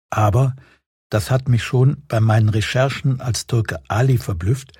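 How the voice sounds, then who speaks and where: A man reading his own first-person reportage in a sober, measured and wry manner. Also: mid-range voice, dark tone, slightly rough, no echo, clean studio sound. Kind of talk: scripted first-person narration.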